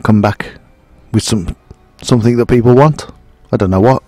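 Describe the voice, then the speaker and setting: A man's voice: medium pitch, normal speed, dark tone, no room sound. Sarcastic man commentating a game. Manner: sarcastic, rambling and self-mocking. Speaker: gaming commentator. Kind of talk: let's play commentary.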